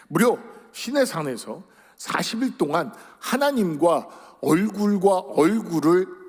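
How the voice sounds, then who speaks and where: A man's voice: a little high, breathy edge. A man preaching a sermon as pastor, in earnest tones that rise on key words and fall at the end of phrases. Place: church sanctuary. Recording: long church hall reverb.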